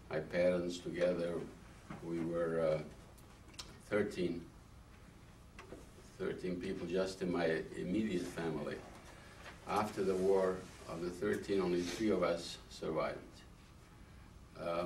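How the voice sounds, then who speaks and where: Interviewed for an oral history in a small indoor classroom, an eighty-something man, a Holocaust survivor from Carpathian Ruthenia, then Czechoslovakia, speaks in a low voice. He talks slowly, halting often and filling gaps with "uh." The far camera mic gives a roomy echo and faint hiss.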